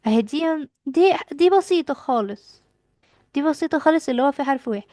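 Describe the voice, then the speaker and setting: A woman's voice: high voice, lively intonation, quick pace, mellow, no echo, clean studio sound. Patient Egyptian woman teaching a child. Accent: Egyptian Arabic. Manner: patient, asks questions and repeats answers back. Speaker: English teacher. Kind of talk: children's language lesson.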